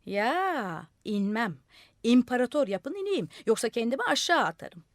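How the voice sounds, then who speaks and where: Woman voicing a loud, defiant male madman for a storybook; high and jumpy, dry studio sound. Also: very animated, moderate pace, no echo. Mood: haughty. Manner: loud, shouting demands. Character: stubborn madman on a rooftop, gleeful and defiant. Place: radio studio.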